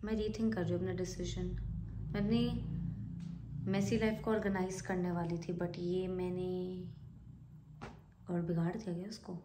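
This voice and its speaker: A woman's voice: lowish voice, level tone, measured pace, pauses often, dark tone, a little hiss or hum. A young woman vlogging at home into a phone camera, chatting playfully in a mix of Hindi and English and drifting into anxious half-whispered muttering. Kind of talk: casual self-filmed vlog. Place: home room.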